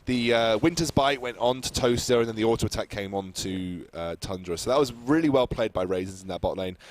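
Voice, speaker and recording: A man with a British accent giving measured, explanatory analysis as an esports caster. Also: fairly low pitch.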